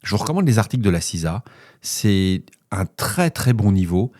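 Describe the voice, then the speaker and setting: A man with a low, mellow voice hosts a cybersecurity news podcast. He reads the bulletins, then drifts into relaxed off-script remarks full of fillers. The recording is dry and close. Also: normal speed, no echo. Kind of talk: news bulletin with casual asides.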